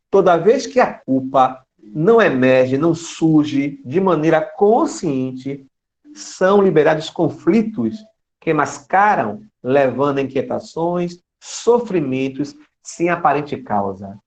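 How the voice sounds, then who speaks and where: A male spiritist lecturer tells stories in an expressive manner, with dramatic shifts in his fairly high voice. He talks into a computer mic, and the audio comes through dull and lo-fi, as on a video call. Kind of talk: online doctrinal lecture.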